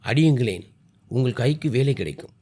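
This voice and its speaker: A wounded young wife snaps back through her tears with bitter retorts, as a male storyteller puts her on. The voice is dark and husky, and its pitch swings about freely. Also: animated, moderate pace, natural voice. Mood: bitter, hurt. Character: angry hurt young wife.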